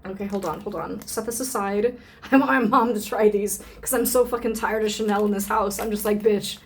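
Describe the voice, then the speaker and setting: A burlesque performer reviews perfume samples in a casual, unscripted vlog, her mid-range voice steady and fairly quick. She rambles and thinks aloud as she sniffs, using plenty of fillers and swearing freely.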